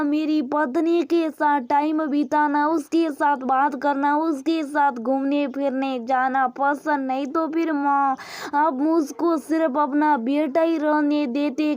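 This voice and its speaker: A woman voicing a young married son who pleads earnestly and slowly with his mother, for a storybook. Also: high voice, a little mellow, dry recording, lo-fi sound.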